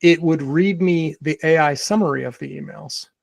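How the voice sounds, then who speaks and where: Gravelly higher-voiced male podcast host. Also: moderate pace, dry recording. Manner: rambling, many restarts and fillers. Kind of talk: casual chat.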